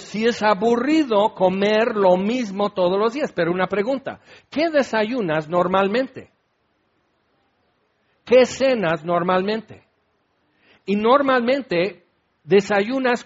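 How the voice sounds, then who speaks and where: A man's voice: high-pitched, takes it slowly, highs cut off. A male preacher giving a sermon in a conversational way, with joking asides to the listener.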